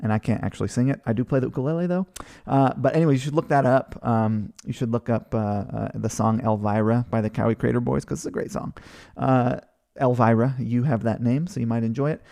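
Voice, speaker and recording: Reading viewer comments during a live online session, this webinar host from Hawaii, in his thirties, rambles chattily with many fillers and restarts. His gravelly, dark, mellow voice is medium in pitch and steady, moving fairly quickly. He speaks through a computer mic.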